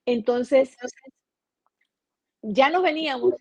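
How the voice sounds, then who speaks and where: A woman with an Ecuadorian accent, a journalist guest telling a personal story in a casual interview, earnest and animated, often restarting her sentences. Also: high-pitched, slow pace, dry recording, highs cut off. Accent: Ecuadorian Spanish.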